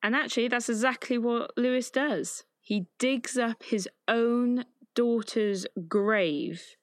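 A woman's voice: fairly high pitch, slow pace, dry recording, clean studio sound. A woman recapping a film's plot in a chatty, emotive way, often saying "like". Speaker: film reviewer. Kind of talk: casual film plot recap.

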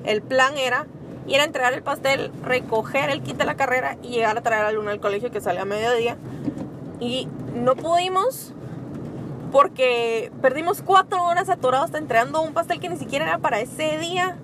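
High-pitched Guatemalan woman chatting in a car. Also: fairly quick, background noise. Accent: Guatemalan Spanish. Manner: expressive, emphatic, laughs often. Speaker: podcast co-host, small bakery owner. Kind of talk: casual chat. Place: inside a parked car.

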